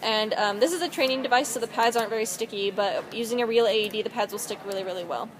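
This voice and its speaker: A woman's voice: on the high side, fast, crowd noise, low-quality recording. A young woman presenting a student first-aid instruction video, reading steadily with a few fillers. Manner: reads steadily with some fillers. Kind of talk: scripted instructional narration.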